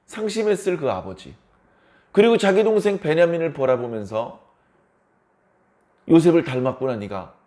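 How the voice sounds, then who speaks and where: A male pastor preaching a dawn service sermon, telling the story dramatically and acting out quoted lines with big rises and drops in pitch and loudness.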